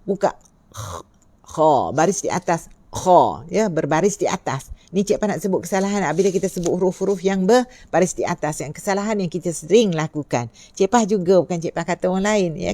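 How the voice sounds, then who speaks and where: A woman teaching Quran recitation, slowly repeating letter sounds and asking her listeners rhetorical questions. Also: on the low side, warm tone, no echo. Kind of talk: tajwid lesson.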